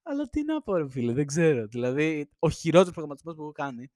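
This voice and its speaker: A man's voice: a little high, sing-song, a little mellow, no room sound, studio quality. A young man hosting a podcast, chatting casually and rambling with frequent laughs, indoors at home on a shared microphone. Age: young adult. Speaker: podcast host. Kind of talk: casual chat. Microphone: shared single microphone.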